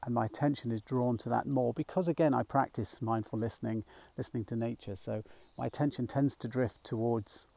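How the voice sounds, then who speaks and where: Gravelly middle-aged man vlogging outdoors. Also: mid-range voice, fairly even intonation, a little fast, few pauses, dry recording. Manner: rambling, gentle, with frequent fillers and restarts. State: slightly out of breath. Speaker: nature mindfulness guide. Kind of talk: casual walking vlog. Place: outdoors in a field by a small woodland.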